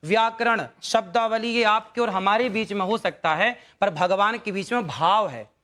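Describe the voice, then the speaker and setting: A man's voice: high-pitched, moderate pace, pushed and bright. A man who is a religious preacher, a guest in a televised debate. He defends himself in a preachy way, quoting sayings and scripture and calling others brother.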